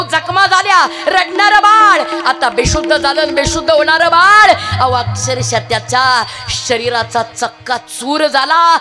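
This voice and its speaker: A woman's voice: high voice, sharp tone. A woman kirtan preacher telling a devotional story as a sermon, dramatic and repeating phrases for emphasis, into a public address mic at a live gathering.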